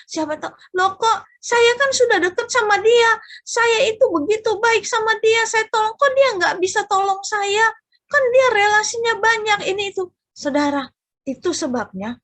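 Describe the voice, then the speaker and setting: A middle-aged woman preaches a sermon in a lively storytelling manner, often speaking directly to the congregation. Her voice is slightly high and breathy. The sound is dry, close and without room echo. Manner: lively storytelling, acts out quoted voices, addresses congregation as "saudara". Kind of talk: sermon with personal testimony.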